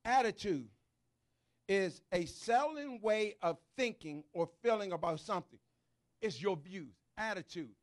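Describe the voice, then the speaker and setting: A man preaching a sermon with call-and-response, shouting in bursts and speaking. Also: high voice, animated, measured pace. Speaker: pastor.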